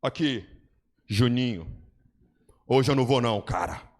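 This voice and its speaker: A man preacher quoting an angry young man bent on revenge, blunt and low. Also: measured pace, natural voice. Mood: grim.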